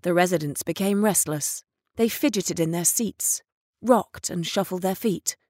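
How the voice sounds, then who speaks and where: A woman's voice: lowish voice, unhurried, darkish tone, dry recording, studio quality. A middle-aged woman, a music therapist, narrating a personal story in an earnest, reflective way.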